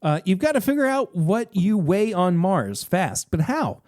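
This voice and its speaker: A man hosting a podcast, reading a gamebook aloud in a casual, animated way with occasional hesitations and jokes. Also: high-pitched, measured pace, no room sound, studio quality. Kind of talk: casual read-aloud with banter.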